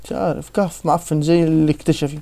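A young Egyptian man hosting a let's-play, joking around and breaking into excited outbursts. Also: on the high side, quick pace, vocal fry. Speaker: gaming channel host. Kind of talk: casual let's-play chat.

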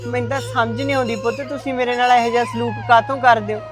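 A woman's voice: on the high side, steady tone, racing, over music, close to an everyday voice. A woman playing a frail old mother-in-law who pleads and complains in a sighing voice in an amateur short film. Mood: plaintive.

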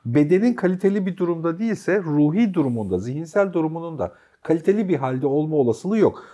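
A man's voice: on the high side, sing-song, fast, mellow. A man co-hosting a talk show, reflecting and building arguments in casual chat. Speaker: co-host.

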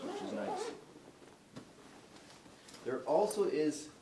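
A man in his forties, his voice medium-pitched and a little mellow, gives an unscripted product demonstration while moving around an indoor showroom of medium size. He uses fillers and restarts, and the distant camera mic adds roomy echo and faint hiss.

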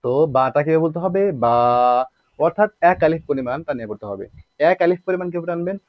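A man's voice: fairly high pitch, expressive, very fast, dry recording, dull audio. Patient man teaching letter sounds. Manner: patient, repetitive explaining with frequent rhetorical questions; draws out letter sounds to demonstrate them. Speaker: Quran recitation teacher. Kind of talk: spoken lesson on Arabic letter pronunciation.

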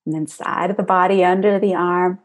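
A middle-aged woman leading a guided tapping exercise, speaking calm, soothing instructions and affirmations. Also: lowish voice, brisk. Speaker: tapping practitioner guiding a session.

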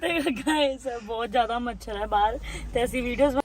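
A woman's voice: fairly high pitch, moderate pace, a little hiss or hum. A woman with a Punjabi accent chatting casually as she films a vlog. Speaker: vlogger.

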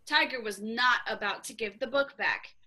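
A woman teacher reading a children's story aloud over a video call, with an expressive, animated delivery. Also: a little high, normal speed, poor audio. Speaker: theatre teacher.

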